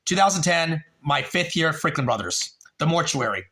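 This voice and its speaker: Profane, bright-voiced man telling stories. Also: fairly high pitch, animated, normal speed. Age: 30s. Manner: profane, talks to chat viewers by name. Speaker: livestream host. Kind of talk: casual rambling storytelling.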